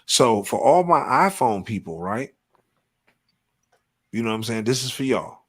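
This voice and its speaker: A man's voice: mid-range voice, big pitch swings, measured pace, breathy edge. A man hosting a live show, talking in casual, profane, emphatic banter. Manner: profane, emphatic, repeats "you know what I'm saying". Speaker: podcast host.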